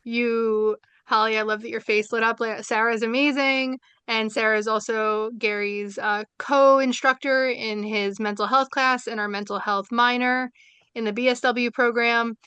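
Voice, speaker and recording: This webinar's closing remarks come from a seminar moderator, a Brooklyn woman with a New York accent and young children, speaking over a video call. She's chatty, enthusiastic, and heavy on fillers, with a sharp, clear, resonant voice on the high side, a steady tone, and a measured pace. The recording is dry.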